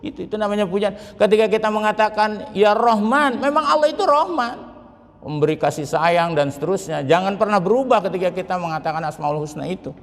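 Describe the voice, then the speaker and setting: A middle-aged man preaching a lively mosque sermon, joking with the congregation. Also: high voice, brisk. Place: large mosque hall. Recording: reverberant mosque hall.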